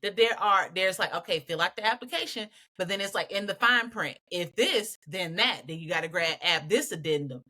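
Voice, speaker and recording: A woman co-hosting a podcast, ranting in an animated and exasperated way. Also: on the low side, fairly quick, hardly any pauses. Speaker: podcast co-host. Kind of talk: casual podcast chat.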